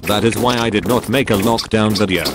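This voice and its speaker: A synthetic male text-to-speech voice reading a YouTuber's channel update in a flat, evenly paced computer manner. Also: on the low side, fairly quick, over music.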